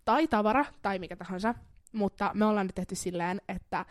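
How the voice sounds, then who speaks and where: A woman's voice: mid-range voice, dry recording, studio quality. A woman co-hosting a casual podcast game, playful and giggly, sometimes dropping to a near whisper. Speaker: podcast co-host.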